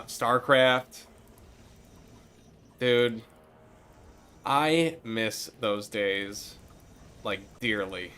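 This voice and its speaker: A young man with a Midwestern American accent gives casual gameplay commentary while streaming, chatting nostalgically and now and then swearing or laughing. His voice is medium in pitch, sharp, and clean.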